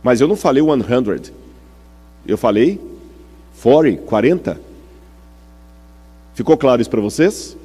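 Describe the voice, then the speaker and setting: A man with a Brazilian Portuguese accent gives a teaching sermon in a mellow, warm voice. He explains patiently and keeps asking the congregation whether they follow. His words ring out with a long reverb through a large church hall. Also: medium pitch, expressive, a little slow, long pauses, slightly rough. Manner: explanatory, checks in with the audience through questions.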